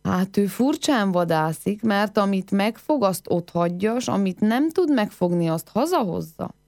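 A woman's voice: mid-range voice, lively intonation, darkish tone, no room sound, clean studio sound, close to an everyday voice. A woman voicing a clever young village girl in a folk tale, with pert, teasing riddle answers.

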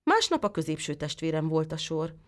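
A woman reading a fairy tale aloud with lively, expressive storytelling. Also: low voice.

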